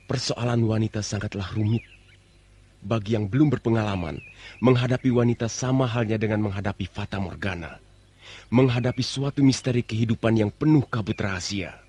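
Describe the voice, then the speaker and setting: An actor playing a persuasive, poetic young nobleman and elder brother in a theatrical old radio drama style, with a husky voice. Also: fairly low pitch, darkish tone. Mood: earnest, advising.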